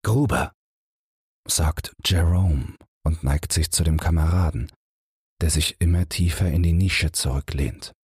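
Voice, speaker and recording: Deep husky bedtime audiobook narrator, a man. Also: steady tone, no room sound, studio quality. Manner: measured, gentle, unhurried storytelling. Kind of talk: calm bedtime audiobook reading.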